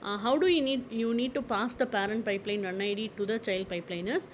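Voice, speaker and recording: A woman presenting a screen-recorded software tutorial, explaining step by step with frequent fillers and repeated "okay"s. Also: mid-range voice, fast, a little hiss or hum, poor audio.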